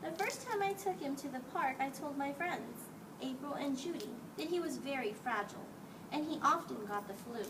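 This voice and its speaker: A teacher with a high voice and lively intonation reads a picture book aloud to children at normal speed, acting out the dialogue expressively. The mic is distant and the background is clearly noisy.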